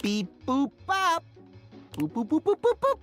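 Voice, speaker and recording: Beeping dishwasher robot processing. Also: female voice, huge pitch swings, measured pace, soft background music, heavily acted. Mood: processing chant. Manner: computer processing, chanting beep-boop sounds; singsong, with big pitch leaps. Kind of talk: video game voice acting.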